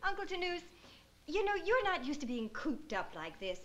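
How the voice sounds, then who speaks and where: A woman's voice: sits high, big pitch swings, normal speed. A woman playing a caring, sensible wife in a 1950s sitcom, with an American accent and a soothing, practical manner. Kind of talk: 1950s television sitcom acting.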